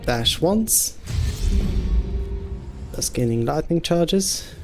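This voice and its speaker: A man hosting a gaming channel, calmly thinking aloud through his tactics as let's-play commentary. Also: a little high, extremely slow. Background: game music.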